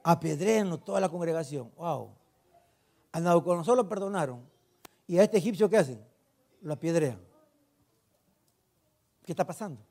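A man's voice: high voice, moderate pace, long pauses. A pastor preaching a sermon, retelling scripture and putting questions to his congregation, then answering them himself. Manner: retells scripture with emphatic, animated delivery.

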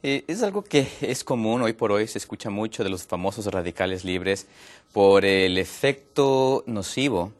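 A man from Ecuador, a guest on a health program, explaining a topic patiently with many pauses and fillers. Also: lowish voice, animated.

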